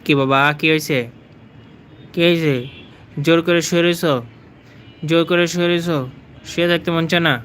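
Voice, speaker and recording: A man's voice: a little high, flat delivery, moderate pace, pauses often, fairly bright tone, slight background noise. A man chatting casually and playfully with his pets, coaxing and teasing them with lots of repeated phrases. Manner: coaxing, repetitive pet talk. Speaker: pet vlogger.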